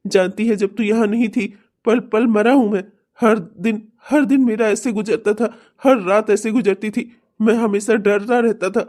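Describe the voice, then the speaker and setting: A woman's voice: medium pitch, mellow, close to an everyday voice. A woman voicing a loving, relieved middle-aged father in a cartoon, speaking tenderly. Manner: tender, pleading. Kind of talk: cartoon voice acting.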